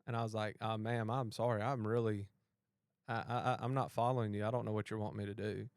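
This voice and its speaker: Fast-talking and fairly low-pitched, this man has a clear, resonant voice captured in clean studio sound without echo. As a podcast host and police officer, he relates a personal anecdote in casual conversation, playing both parties in the dialogue with lively energy.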